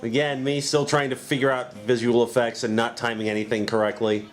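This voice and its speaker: A laid-back man co-hosts a casual commentary chat with a self-deprecating edge. His voice sits at an ordinary middle pitch, and he chuckles between remarks. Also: little pitch movement, brisk. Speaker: video commentary co-host.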